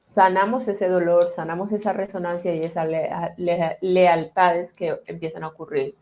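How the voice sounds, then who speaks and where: A middle-aged woman therapist speaking slowly and calmly, guiding listeners through a reassuring talk that answers their questions. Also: on the low side. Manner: calm, slow, reassuring guidance with pauses. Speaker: transgenerational therapist.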